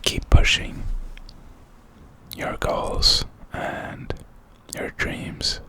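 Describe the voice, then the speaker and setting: Man, whispered pep talk, ASMR affirmations, bright sibilant whisper, breathy, encouraging, reflective. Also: extremely slow. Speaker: ASMR creator.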